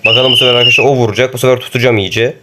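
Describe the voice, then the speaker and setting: A young man commenting on a mobile football game he plays, excitable and teasing his opponents as he talks to viewers. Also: medium pitch, very fast, very noisy. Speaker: gaming YouTuber.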